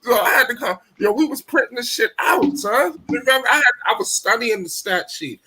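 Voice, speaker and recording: A man in his late twenties hosting a casual sports debate, animated, swearing freely and cutting in. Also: extremely high pitch, a little fast, husky. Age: 20s. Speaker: show host.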